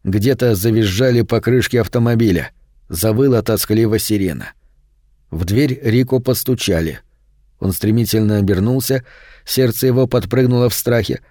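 Male narrator, audiobook reading, measured storytelling, warm low tone, dry recording. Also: dry recording. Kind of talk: scripted narration.

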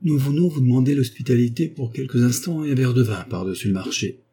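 A man's voice: mid-range voice, fast talker, warm tone, slightly rough, voice pushed up. A man voicing a jovial, persuasive doctor in an audiobook, coaxing and breezy. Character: smooth scheming male doctor, jovial and persuasive.

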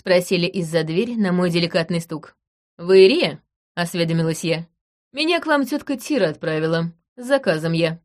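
A woman reading an audiobook in the first person, in a brisk, dry and commanding manner. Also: on the low side, expressive. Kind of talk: audiobook narration.

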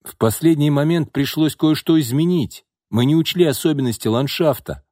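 A man's voice: on the high side, moderate pace, warm tone, no room sound, clean studio sound, voice pushed up, lightly acted. A man reading an audiobook voices a blunt, scornful male construction foreman who hollers back in a quarrel. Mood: calmer explaining.

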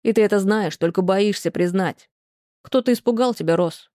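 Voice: mid-range voice, normal speed, dark tone, no room sound, natural voice. An audiobook reader voicing a remorseful ex-husband who pleads and reproaches himself in a plain, close, dry read. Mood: accusing. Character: remorseful ex-husband pleading with his former wife.

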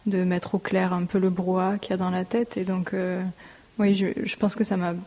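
A woman musician with a Gers accent from southwest France, answering interview questions in a halting, hesitant way. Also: lowish voice, little pitch movement, warm tone, big-room sound. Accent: southern French, Gers. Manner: hesitant, halting, many fillers.

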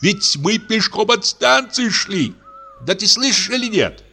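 Man voicing tipsy blustering man, high lively voice, pleading and flustered, audiobook, music behind. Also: measured pace, husky, exaggerated voice. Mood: coaxing. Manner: pleading, then cursing and flustered. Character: tipsy, tired, blustering middle-aged man. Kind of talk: audiobook character voice.

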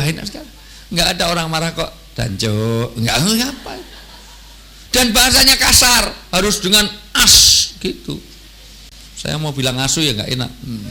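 Bright-voiced joking preacher man. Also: a little high. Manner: jokey, teasing the audience, big swings from loud to hushed. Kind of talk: humorous Islamic sermon.

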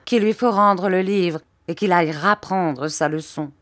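A woman reading an audiobook aloud, voicing a severe, stern spinster who speaks harshly and loudly. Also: on the low side, measured pace, natural voice. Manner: harsh, loud, commanding.

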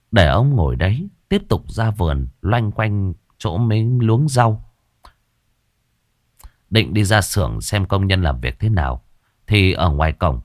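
A man narrating a horror story in a measured, expressive way. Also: lowish voice, no room sound, studio quality.

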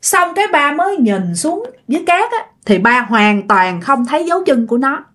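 Lively Southern Vietnamese woman storyteller. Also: high voice, moderate pace. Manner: chatty, addresses listeners directly. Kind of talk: casual ghost story narration.

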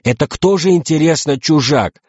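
A man voicing an excitable, quarrelsome male spaceship captain who talks in an indignant, raised voice, from a dull lo-fi audiobook recording. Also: a little high, moderate pace, dry recording, voice pushed up.

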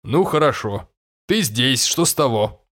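A grumpy, drowsy fairy king, voiced by a male narrator. He speaks slowly and sounds irritable. It is read like a storybook. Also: medium pitch, lively intonation, fairly bright tone. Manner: irritable, drawling.

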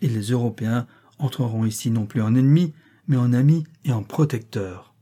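A man plays a composed officer delivering terms with steady, firm gravity. His voice is mellow and slightly husky, measured and controlled, a storybook envoy who never shouts. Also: medium pitch, lightly acted. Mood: solemn. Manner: monotone and firm, without raising his voice.

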